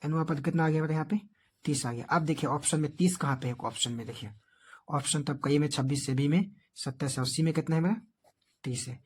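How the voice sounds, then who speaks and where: A man's voice: on the high side, fast, breathy edge. A man teaching a board exam math lesson, explaining each step and checking in often with the class.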